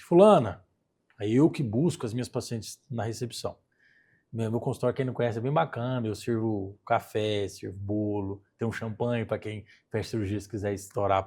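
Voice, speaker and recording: A man with a Brazilian Portuguese accent, a plastic surgeon being interviewed, telling anecdotes in an animated, chatty way. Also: medium pitch. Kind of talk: casual interview storytelling.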